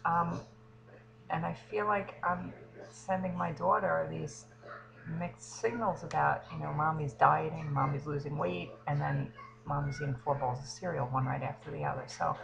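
A woman in her thirties, a fitness coach, speaking haltingly and close to tears in a confessional vlog. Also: deep voice, fairly even intonation, creaky, background noise. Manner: hesitant, halting, frequent ums. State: emotional, near tears.

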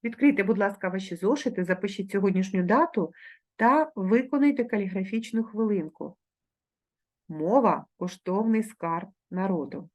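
A woman with a Ukrainian accent, a primary school teacher giving a recorded online lesson, dictating words slowly and clearly. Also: mid-range voice, a little mellow. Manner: slow, carefully articulated dictation of words.

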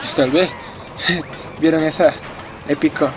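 Speaking slowly in a fairly high voice against a noisy background, a young gamer narrates his racing game live. He's excitable and foul-mouthed, reacting loudly to the race while game music and effects play.

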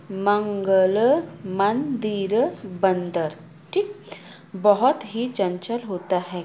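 A woman's voice: mid-range voice, a little mellow, slight background noise. A woman teacher giving a kindergarten Hindi lesson, patiently sounding out words and asking questions.

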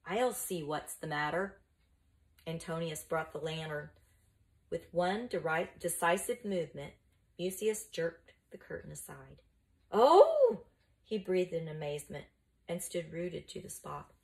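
A woman's voice: deep voice, fairly even intonation, normal speed, vocal fry, rough recording. A woman teacher reading a children's book aloud and stopping to explain words to young listeners.

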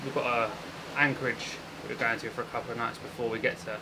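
A man's voice: mid-range voice, level tone, fast, background noise. A man, chatting casually and joking on a sailing catamaran. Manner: jokey, laughs easily. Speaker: sailing vlogger. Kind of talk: casual chat. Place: outdoors on a sailing catamaran at sea.

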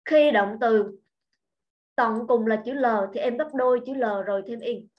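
A woman's voice: on the high side, normal speed, muffled recording. A woman teaching an English grammar lesson online, explaining step by step and often checking that students follow. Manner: patient, repeats points and checks understanding.

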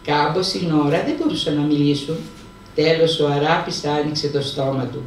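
A woman reading a novel aloud to a book club, expressive, slowing on tricky words. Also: sits low. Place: room at a hybrid reading-club meeting. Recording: roomy sound from far off with faint noise.

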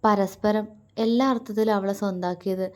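A woman narrates a romance story as a storyteller, with an emotive, measured reading. Her voice sits at an ordinary middle pitch for a woman. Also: steady tone.

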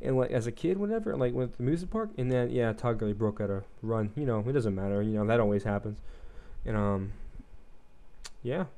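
Young guy rambling thru a game recap, swears a lot, lots of likes n ums, mellow smooth voice, bit froggy. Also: lowish voice, a little fast. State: slightly froggy throat. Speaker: gaming commentator. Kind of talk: casual gameplay commentary.

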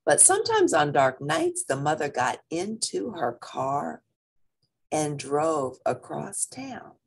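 A husky-voiced woman reading a children's picture book aloud in a dramatic, expressive way, drawing out repeated phrases. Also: sits low, takes it slowly.

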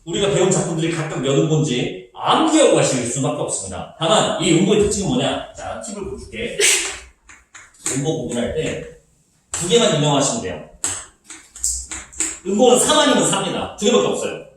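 A man's voice: fairly high pitch, brisk. A male Korean literature teacher giving a chatty lecture, asking questions and answering them himself. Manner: animated, chatty, asks and answers his own questions. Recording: echoey room, mic far off.

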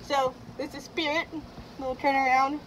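Woman, vlog host, muffled inside mask head, upbeat, slightly high voice, loud background noise. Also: level tone, normal speed. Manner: chatty, upbeat. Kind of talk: casual unboxing chat.

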